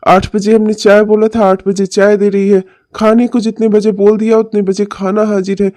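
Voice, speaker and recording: A man's voice: high-pitched, little pitch movement, normal speed, dark tone, no echo, clean studio sound, lightly acted. A man voicing a demanding, long-winded middle-aged uncle in a cartoon.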